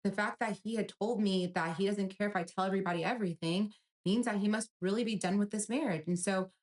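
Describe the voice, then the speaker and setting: A woman's voice: mid-range voice, quick pace, darkish tone. A young woman telling a personal story with earnest emotion, in a casual storytime style.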